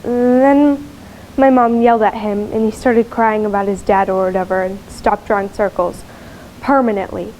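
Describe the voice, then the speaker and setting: A woman's voice: medium pitch, steady tone, moderate pace, darkish tone, a little hiss or hum, natural voice, poor audio. A woman playing a frank, confiding teenage girl with cancer. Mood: musing.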